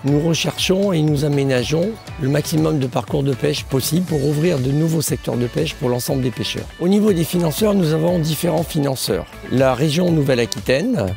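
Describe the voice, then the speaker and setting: A man with a hoarse, gravelly, broken voice from losing it, giving an explanatory presentation for a fishing federation. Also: on the high side, brisk, hardly any pauses, a little mellow, soft background music.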